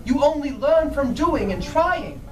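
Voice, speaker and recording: Woman playing a high, animated Scarecrow storyteller. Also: measured pace. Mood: earnest, reassuring. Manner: animated, asks the listeners questions. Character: friendly, excitable Scarecrow storyteller from Oz. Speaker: costumed storyteller. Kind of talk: live interactive storytelling for children. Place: bookstore live event. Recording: distant mic, music behind.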